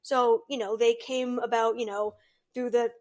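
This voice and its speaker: A woman's voice: fairly high pitch, flat delivery, normal speed, a little mellow. A woman co-hosting a fan podcast, talking casually in an earnest, thoughtful, rambling way. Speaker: podcast co-host.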